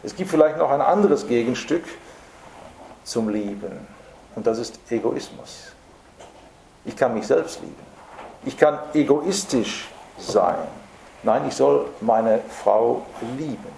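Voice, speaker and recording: Male preacher, emphatic sermon delivery, dark tone, roomy hall sound. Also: mid-range voice, animated, creaky. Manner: earnest, emphatic, with slow stressed repetitions. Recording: roomy hall with faint background noise.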